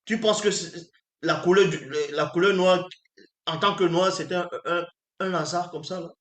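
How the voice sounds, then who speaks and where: A spiritual teacher delivers a preaching lecture at normal speed, his voice a little high. He presses his point emphatically, again and again, through pointed rhetorical questions to his listeners. A roomy echo surrounds the sound.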